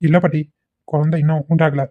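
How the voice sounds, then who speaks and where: A woman playing a caring young husband for a cartoon, easygoing and affectionate. The voice is low and quick, and the sound is tinny and phone-like. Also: level tone. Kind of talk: cartoon voice acting.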